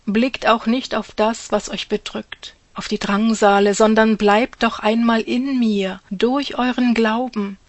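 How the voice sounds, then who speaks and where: Speaking as God the Father, a woman reads a devotional message slowly and without hurry, her tone earnest and exhorting. Her voice sits on the high side and stays steady, and her phrases often trail off into a hushed softness. The recording is dry and close, with no room sound.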